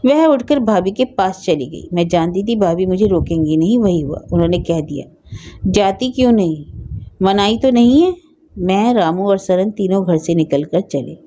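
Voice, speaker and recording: A woman narrates a story in the first person with a dark, mellow timbre at a middle pitch. Her reading is calm and measured. The recording is slightly dull and lo-fi.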